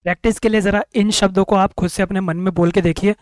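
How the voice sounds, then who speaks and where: A man teaching English grammar for exam preparation, repeating words slowly, sounding out each vowel and answering his own questions. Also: high voice, fairly even intonation, no echo. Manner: asks questions then answers them himself. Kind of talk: exam-prep grammar lecture.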